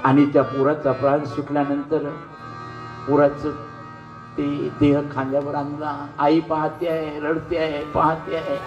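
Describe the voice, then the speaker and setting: A man's voice: a little high, completely flat delivery, a little slow, muffled recording, soft background music. A man telling a devotional story in a kirtan with dramatic emotion. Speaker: kirtan preacher. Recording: roomy hall with faint instruments.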